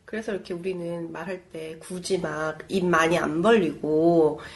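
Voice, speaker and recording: A woman co-hosting a relaxed educational talk. She chimes in with quick agreement and guides the talk from topic to topic. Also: lowish voice. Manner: frequent agreeing interjections, leads the segments. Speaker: podcast co-host. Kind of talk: casual educational chat.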